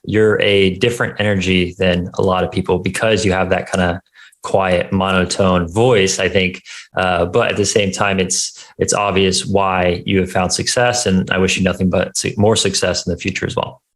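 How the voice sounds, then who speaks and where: Low-voiced man, casual show host. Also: little pitch movement, normal speed. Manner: informal, conversational. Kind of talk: casual interview chat.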